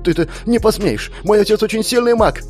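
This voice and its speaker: A man's voice: high-pitched, unhurried, a little mellow, soft background music, voice pushed up. A man voicing a terrified young cultist who stammers, pleads and cries out in panic. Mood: panicked.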